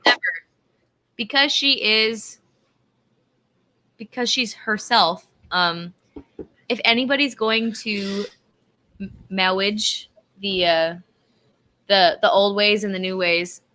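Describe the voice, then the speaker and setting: A woman's voice: mid-range voice, slow, long pauses, sharp tone. A woman co-hosting a casual podcast who talks in a hesitant way, searching for words and swearing casually. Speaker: podcast co-host. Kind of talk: casual chat.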